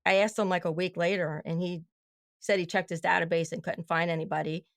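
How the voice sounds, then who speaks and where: A woman's voice: on the low side, fairly even intonation, brisk, vocal fry, no room sound, studio quality. A woman guest on a podcast who tells her story animatedly and acts out both sides of each conversation. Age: adult with children. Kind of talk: storytelling in casual chat.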